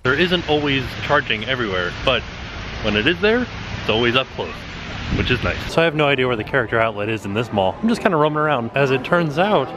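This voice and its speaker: Handheld camera in tow, a man in his thirties wanders a crowded outlet store and parking lot, cheerfully chatting about prices in casual vlog style. Background noise accompanies his medium-pitched voice.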